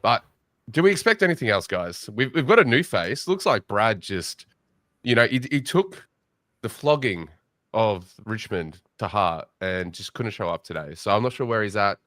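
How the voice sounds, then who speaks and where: A man's voice: fairly low pitch, normal speed, dry recording, studio quality. A young Australian man hosting a casual late-night fantasy football chat, joking and bantering with his guests. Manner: joking, banter-heavy, excitable. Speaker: podcast host.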